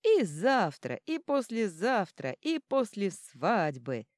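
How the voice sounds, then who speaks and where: A woman voicing a middle-aged king and father with a booming, teasing manner. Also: sing-song, slow, dry recording, clean studio sound.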